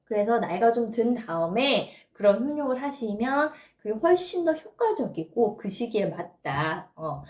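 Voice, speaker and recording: A woman with a fairly high voice teaches parents, explaining patiently and stopping often to ask her listeners rhetorical questions. The sound carries a clear echo from the room around her. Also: sing-song, normal speed, few pauses, darkish tone. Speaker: parenting educator.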